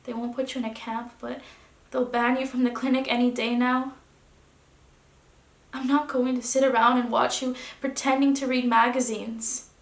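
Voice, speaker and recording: A woman's voice: a little high, little pitch movement, moderate pace, natural voice. A woman playing a resigned wife leaving her husband. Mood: quiet resignation. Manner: restrained, dropping to hushed tones, then rising. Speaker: actor. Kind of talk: theatrical stage monologue. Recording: echoey room.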